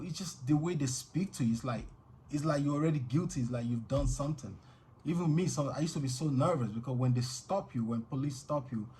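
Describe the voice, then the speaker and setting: A man's voice: medium pitch, a little mellow, a little hiss or hum. A middle-aged Nigerian man with a Nigerian accent, telling a personal story to camera in an earnest way, with frequent "you know" fillers. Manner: earnest, frequent "you know" fillers, grows intense when reliving danger. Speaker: vlogger.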